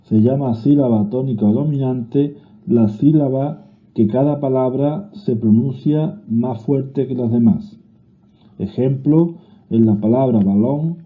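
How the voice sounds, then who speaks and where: A man with a Spanish accent reads a grammar lesson aloud at a slow, deliberate pace, now and then restarting a word. His voice sits at a middle pitch. The recording is thin and narrow, like a phone line. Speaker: teacher. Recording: phone-like narrow-band audio.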